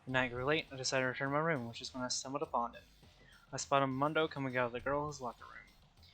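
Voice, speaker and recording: A man acts out a young noble heir in a video game. He is haughty and coolly cruel, with a calm, condescending delivery. The voice is forceful and clear-edged, with music behind it. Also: medium pitch, fast talker. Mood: cold, unbothered. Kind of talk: video game character read aloud.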